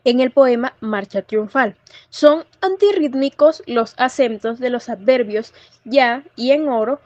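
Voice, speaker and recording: A young woman presenting a read-aloud lesson on verse as a student, measured and careful, with small slips. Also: fairly high pitch, a little mellow, no room sound, muffled recording. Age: young adult.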